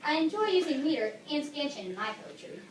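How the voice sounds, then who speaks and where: A woman's voice: sits high, sing-song, fast talker. A teenage girl playing a chatty, self-doubting retired male poet and professor who explains things like a teacher. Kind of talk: amateur talk-show skit. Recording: echoey room, distant mic, faint noise.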